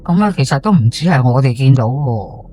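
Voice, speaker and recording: For an audio drama, a woman voices a chatty, superstitious Hong Kong-accented housewife in her sixties telling a first-person ghost story. Her voice is rumbling low, warm, and expressive, and she sounds gossipy and spooked, using drawn-out sentence particles and exclamations.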